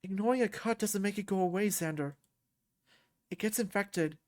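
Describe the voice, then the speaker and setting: Soft-spoken male therapist, voiced by a woman, gentle, slow, soothing. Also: medium pitch, natural voice.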